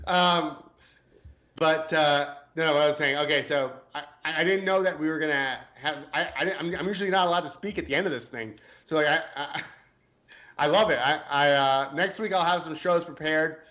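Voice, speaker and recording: A man's voice: fairly high pitch, normal speed, bright, forceful tone, lo-fi sound. A man co-hosting a casual sports podcast, hesitant and joking, often restarting his sentences. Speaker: podcast co-host.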